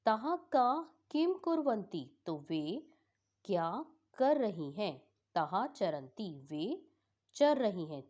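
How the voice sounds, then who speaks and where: A woman teacher patiently explaining a school lesson for exam revision, repeating each word slowly. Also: lowish voice, darkish tone, lo-fi sound.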